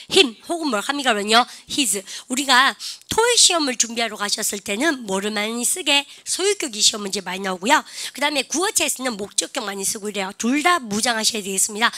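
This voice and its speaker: A woman teacher gives a grammar lecture in a fairly high, sharply bright voice. She fires call-and-response questions at her class and slows down to model each example sentence. The sound is close and dry. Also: no echo.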